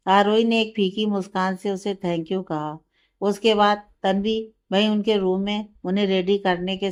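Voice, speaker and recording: Smooth-voiced woman narrating a story. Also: medium pitch, darkish tone.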